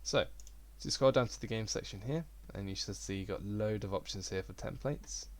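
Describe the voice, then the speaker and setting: Low-voiced young man explaining software. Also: brisk. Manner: relaxed, rambling, self-deprecating. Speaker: game development tutor. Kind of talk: casual screen-recorded tutorial.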